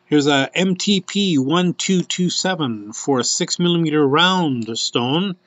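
A man's voice: fairly high pitch, a little slow, fairly bright tone, dry recording. Male host, casual live product showcase, rambling, lots of ums, muffled lo-fi sound, dead dry room. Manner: chatty and rambling, with many fillers.

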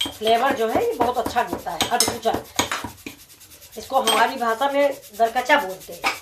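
Chatting with viewers at a normal pace, this cooking channel host explains each step of a home cooking demo, her voice fairly high and animated. The sound bounces off her tiled kitchen walls, with noise in the background.

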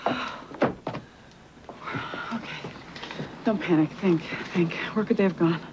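A woman's voice: fairly low pitch, drawn-out words. An actress playing a worried woman who thinks aloud while she searches for lost pets, heard from a worn VHS tape copy. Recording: dull hissy worn tape dub.

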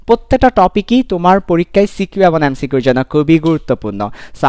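A young man gives a live online chemistry lecture, animated, playful and given to repeating his points. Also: high voice, no room sound, clean studio sound. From Bangladesh. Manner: animated, repetitive, playful teasing. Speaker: chemistry teacher.

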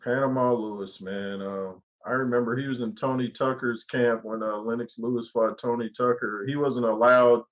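A man hosting a casual video chat, relaxed and full of fillers like "uh" and "man". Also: medium pitch, normal speed, hardly any pauses. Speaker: host. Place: small room indoors. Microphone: video call webcam. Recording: dull lo-fi call audio.

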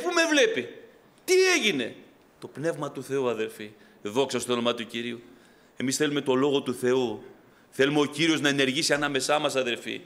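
High, bright-voiced fervent male preacher. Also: creaky. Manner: fervent preaching, rising loud then dropping to soft storytelling. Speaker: pastor. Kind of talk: Pentecostal sermon.

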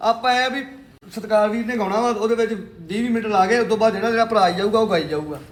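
A man's voice: high voice, racing. A man in his twenties with an Indian Punjabi accent, chatting casually with friends and explaining insistently, repeating his points. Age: 20s. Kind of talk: casual chat among friends.

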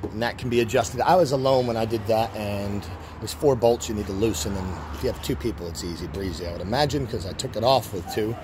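A man's voice: fairly low pitch, fast. A middle-aged man casually walking through a machine he is selling, rambling, restarting his sentences and using lots of fillers. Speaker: seller showing a machine. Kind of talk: casual walkthrough. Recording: noisy outdoor recording.

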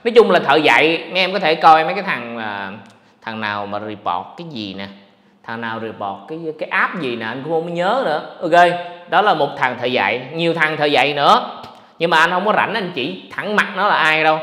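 A man hosting a casual livestream podcast, talking in an animated, ranting way to his viewers. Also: a little high, a little fast. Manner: animated, ranting, mocks others in put-on voices. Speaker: podcast host. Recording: echoey room with long reverb.

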